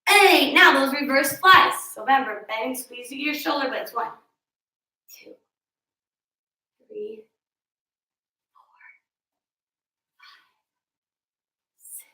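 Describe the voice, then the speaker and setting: Counting reps aloud at a slow pace with frequent pauses, a woman instructor guides a workout at home in front of a mirror. Her high voice is bright, forceful and expressive, and she fills the gaps between sets with playful chatter, heard from afar in an echoing room.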